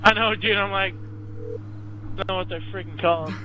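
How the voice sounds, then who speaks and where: Young male gamer, very high bright voice, excitable and loud, faint hum under the desk mic. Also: normal speed, rough recording. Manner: excitable, yelling and laughing. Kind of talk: casual gaming chat. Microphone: USB desk mic.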